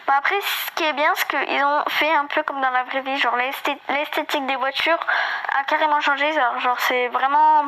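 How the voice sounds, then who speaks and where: A woman's voice: high voice, fairly even intonation, normal speed, bright, forceful tone, poor audio. A woman giving a casual, hesitant game walkthrough, full of fillers and restarts, with a slight lisp. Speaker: gaming video creator.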